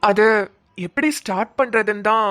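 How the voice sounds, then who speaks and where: A woman's voice: medium pitch, fairly bright tone, dry recording, studio quality, close to an everyday voice. A woman voicing a young man, a shy childhood friend who hesitantly confesses his love. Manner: hesitant, halting speech.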